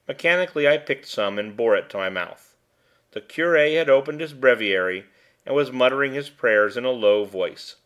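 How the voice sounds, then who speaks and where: Guy reading an old story out loud, steady and measured, mid pitch. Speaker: audiobook reader. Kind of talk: scripted narration.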